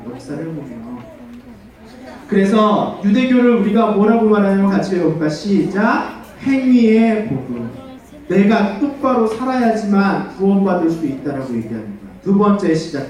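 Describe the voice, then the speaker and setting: A man giving a children's sermon as pastor, animated and full of questions for the kids, leading them in call-and-response. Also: high-pitched. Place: church hall. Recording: echoey church hall, far from mic.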